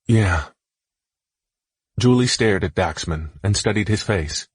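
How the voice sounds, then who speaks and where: A man reads a fantasy audiobook in a steady, measured way. His voice is low and slightly husky. It is recorded close and dry, with no room sound. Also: dry recording. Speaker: audiobook narrator. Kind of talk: scripted narration.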